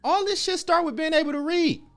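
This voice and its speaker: A man's voice: very high-pitched, brisk, creaky, fairly bright tone, soft background music. A man from the Chicago area, raised in Oakland, hosting a casual virtual happy hour and talking in an emphatic, slangy way. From born in Chicago area, raised in Oakland. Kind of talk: casual livestream chat reading comments.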